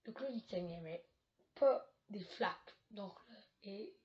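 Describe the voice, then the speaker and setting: A woman's voice: mid-range voice, animated, measured pace, dull audio. A woman hosting a live stream, telling a spooky story casually with many hesitations and joking asides. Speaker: livestream host. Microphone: home streaming mic.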